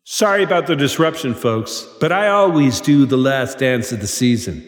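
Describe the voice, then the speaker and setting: A man's voice: medium pitch, expressive, moderate pace, reverberant, in a large hall, lightly acted. A man voicing a cocky young male dance instructor who addresses a crowd with swaggering, crude, rambling asides.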